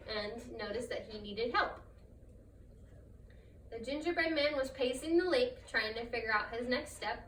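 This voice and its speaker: A woman's voice: a little high, sharp tone. A woman storyteller narrating a trickster folktale in her own improvised words. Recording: roomy, distant mic, faint noise.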